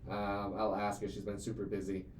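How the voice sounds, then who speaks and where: This man in his late twenties, a CEO who hosts a casual business podcast, chats conversationally in long, rambling runs full of fillers and repeated words, earnest throughout. His voice is on the low side, totally flat and a little fast. The room has a roomy echo and faint ambient noise.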